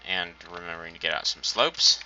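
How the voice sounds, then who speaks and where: A man's voice: sits low, brisk, pushed and bright, a little hiss or hum. A man casually commenting on his own gameplay, thinking aloud while building and making dry, self-mocking asides. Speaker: gaming channel host. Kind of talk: casual let's-play commentary. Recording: dull lo-fi home recording.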